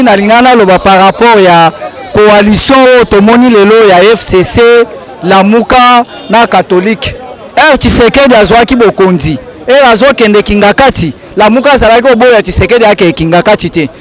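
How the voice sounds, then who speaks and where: A man's voice: sits high, moderate pace, some chatter behind, low-quality recording. A man giving an emphatic, complaining street interview outdoors in a city.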